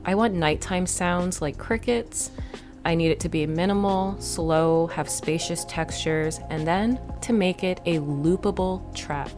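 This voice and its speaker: Low-voiced woman explaining a tutorial. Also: measured pace, music in the background. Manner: plain instructive explaining. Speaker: tutorial host. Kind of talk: step-by-step software tutorial.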